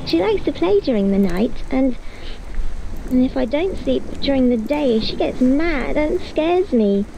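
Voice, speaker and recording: A timid little girl from a horror game, voiced by a woman, high and sing-song with a slow, hesitant delivery. She sounds soft and pleading, clinging to every word. Noise hums clearly underneath. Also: animated, full character voice. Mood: quiet.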